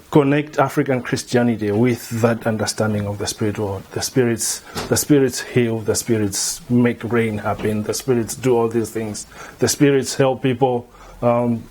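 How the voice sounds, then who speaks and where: A middle-aged man from Malawi, a theology lecturer, answering interview questions in a measured way, often repeating words as he thinks. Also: mid-range voice, steady tone, a little mellow, slight background noise. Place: indoor room before a banner.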